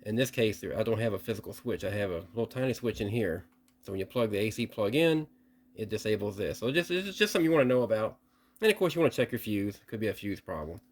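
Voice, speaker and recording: Sounding like a repair hobbyist filming a video, a man with a lowish voice demonstrates something hands-on and explains it casually. His delivery is animated yet halting and repetitive.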